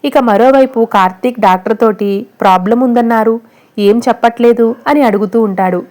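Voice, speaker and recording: A woman narrating a recap of a television serial episode in a brisk storytelling manner. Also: on the high side, a little mellow. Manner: brisk storytelling with occasional restarts.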